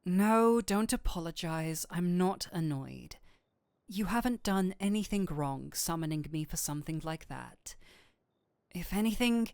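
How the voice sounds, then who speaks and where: A woman with a lowish, slightly mellow voice, recorded at studio quality with no room sound, plays a nerdy male incubus demon in an intimate audio roleplay. She addresses the listener in formal, theatrical language, sounding flustered, polite, and flirtatious. The overall mood is reassuring.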